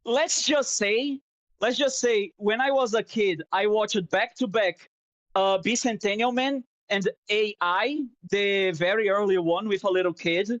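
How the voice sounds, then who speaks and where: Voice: medium pitch, unhurried, no echo, dull audio. A streamer chatting casually while drawing, rambling and swearing, openly sentimental, on a headset mic.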